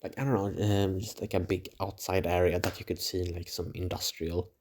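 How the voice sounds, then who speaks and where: A young man rambling casually through a dream log in a hazy, puzzled, halting way, as if piecing it together as he talks. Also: low voice, level tone, darkish tone. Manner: swears casually. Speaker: dream diarist.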